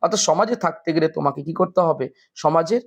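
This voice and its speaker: A man's voice: on the high side, a little fast, lo-fi sound. A man teaching a literature class, reading a story line by line and explaining each phrase with rhetorical questions and repetition.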